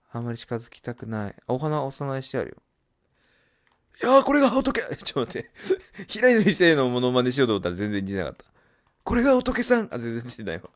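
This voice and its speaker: Jumpy man yelping through a horror game. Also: fairly low pitch. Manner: jumpy, bursts into loud startled yelps; mutters and reads game text aloud. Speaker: let's play gamer.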